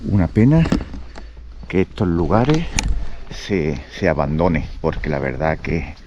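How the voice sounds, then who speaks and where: A man talking casually and haltingly as he vlogs a night exploration outdoors. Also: extremely low pitch, sing-song, dull audio. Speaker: vlogger. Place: outdoors at an abandoned train station at night. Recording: outdoor night recording with noise.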